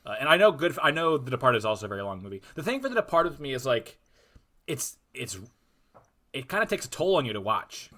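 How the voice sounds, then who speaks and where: A young man talking fast in a relaxed podcast chat, his pitch bouncing all over. He has a bright, forward tone and stumbles through restarts as he goes, swearing freely along the way. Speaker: podcast host. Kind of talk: casual chat.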